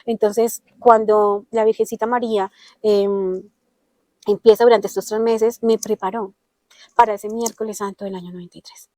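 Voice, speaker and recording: A woman's voice: mid-range voice, fairly even intonation, normal speed, mellow, no room sound. A woman with a Colombian accent giving an earnest personal testimony, often acting out the dialogue she quotes. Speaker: interviewee telling her testimony.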